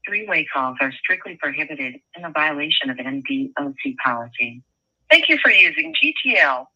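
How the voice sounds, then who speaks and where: A woman's voice: low voice, sing-song, sharp tone. A woman's voice giving a formal automated announcement at the start of a prison phone call. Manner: formal, measured recorded-message delivery. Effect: recorded message on a prison phone line. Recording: dull lo-fi phone line.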